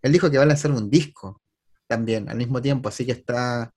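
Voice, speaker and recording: A man's voice: medium pitch, fairly quick, darkish tone. Chatty Chilean man podcasting. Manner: chatty, analytical, with filler words and restarts. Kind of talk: casual chat.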